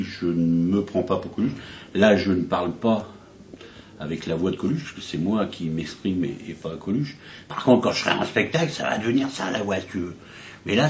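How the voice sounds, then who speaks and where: A man, an impersonator, speaking in an interview in a thoughtful, halting way with fillers. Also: low-pitched, a little mellow, echoey room, lo-fi sound, slight background noise.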